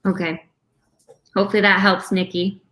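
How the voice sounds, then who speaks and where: A woman's voice: mid-range voice, level tone, normal speed, fairly bright tone. A woman chatting casually as co-host of an online bingo game. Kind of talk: casual chat.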